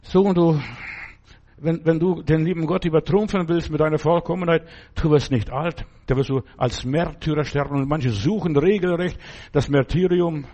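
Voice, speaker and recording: Emphatic older male preacher, high-ish voice. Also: normal speed, mellow, dull audio. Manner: emphatic, conversational, repeats "verstehst du". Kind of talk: informal sermon.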